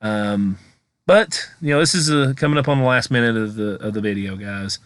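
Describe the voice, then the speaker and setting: Low-voiced man, rambling casual vlog commentary. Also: fairly bright tone, no room sound. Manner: rambling, halting, thinking aloud. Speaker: paranormal investigation vlogger. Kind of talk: casual director's cut commentary over own footage.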